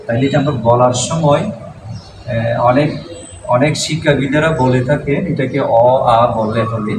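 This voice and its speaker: A man's voice: medium pitch, a little slow. A man, a Buddhist monk, teaching a class how to pronounce letters, patiently repeating each sound and quizzing his students. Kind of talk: classroom pronunciation lesson. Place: classroom with a board. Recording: echoey room, distant mic, noise.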